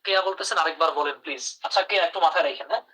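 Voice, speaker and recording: A man's voice: on the high side, rapid-fire, pushed and bright, slightly rough, recorded from a distance, rough recording. Man teaching a live online English class. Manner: calls students by name and praises answers.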